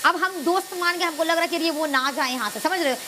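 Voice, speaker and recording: A woman's voice: very high-pitched, fast, background noise. A woman in a casual heartfelt argument who talks emphatically and insistently, often repeating herself. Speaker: reality show contestant.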